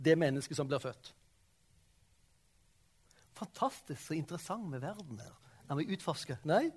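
A man with a fairly high voice leads a classroom discussion. He tosses questions to the class and keeps checking that they follow. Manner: questioning, prompting the class with frequent "sant?" and "ok?". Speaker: teacher.

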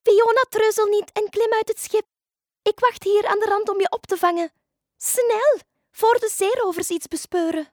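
A woman voicing a kind, eager female dolphin who comes to rescue a witch, speaking high and urgent. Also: steady tone, normal speed, no room sound, clean studio sound.

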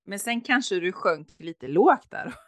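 A woman in casual chat, listening supportively and offering frank but gentle opinions. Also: medium pitch, lively intonation, dry recording, clean studio sound.

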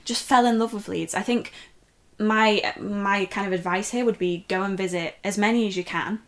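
A woman's voice: medium pitch, steady tone, normal speed, fairly bright tone. A young woman from North West England chatting casually as a co-host, talking at length and laughing often as she tells her story. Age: young adult. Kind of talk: casual chat.

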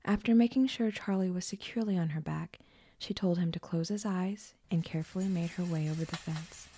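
A woman narrating a scripted horror story in a hushed, often whispered delivery. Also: lowish voice, a little fast, a little hiss or hum.

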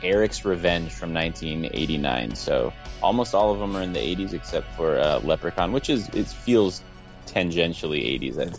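A man co-hosts a podcast with a very deep, low voice. He chats casually, laying out thoughtful opinions. Faint music sits under the recording. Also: expressive, normal speed. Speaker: podcast co-host.

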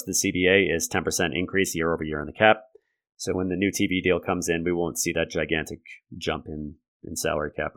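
Raspy, gravelly low-voiced man. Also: a bit bright. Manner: conversational, analytical. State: raspy from a lingering respiratory infection. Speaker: podcast host. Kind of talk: sports commentary monologue.

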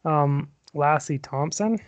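A man chatting loosely as a podcast guest, hesitant and quick to laugh. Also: a little high, no room sound. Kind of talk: casual hockey chat.

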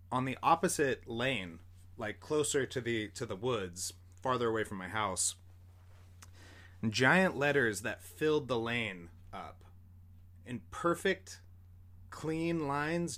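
A man's voice: mid-range voice, sharp tone. A young man, a podcast host, telling a story in a rambling, casual way, full of fillers and the odd swear word.

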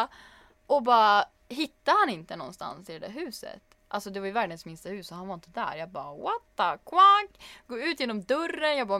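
A woman's voice: medium pitch, dry recording. A woman in her twenties with a Norrland Swedish accent, chatting casually as a podcast co-host and acting out the people in her stories. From northern Sweden. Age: 20s. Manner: lively storyteller who acts out quotes.

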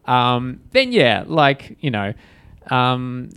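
A man hosting a casual podcast chat, his voice smooth and clear at an average pitch. He rambles along with plenty of fillers and laughs often as he talks. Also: sing-song, very slow, a bit bright. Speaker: podcast host.

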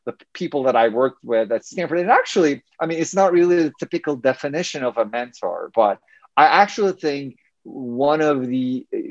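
A man's voice: medium pitch, a little mellow, no room sound, highs cut off. A man, a guest speaking thoughtfully and hesitantly with many fillers in a casual interview. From Turkey. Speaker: guest, engineering professor.

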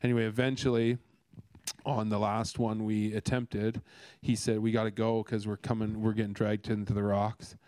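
A man's voice: on the low side, little pitch movement, normal speed, a little mellow, dry recording. A man from Canada giving a casual devotional talk, earnest and rambling, with many restarts and fillers. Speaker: speaker sharing a devotional.

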